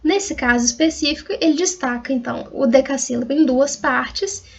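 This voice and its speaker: A Brazilian woman with a high voice gives a recorded university lecture on poetry. She goes step by step, naming rhyme patterns one letter at a time. The audio is somewhat dull and lo-fi. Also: normal speed, creaky. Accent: Brazilian Portuguese. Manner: patient, methodical, spells out rhyme schemes letter by letter.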